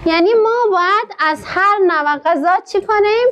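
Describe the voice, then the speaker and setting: Woman, Afghan Dari accent, literacy teacher, very high voice, frequent questions to the class. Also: fairly bright tone, dull audio. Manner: asks the class many questions, reads syllables very slowly. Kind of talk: classroom lesson.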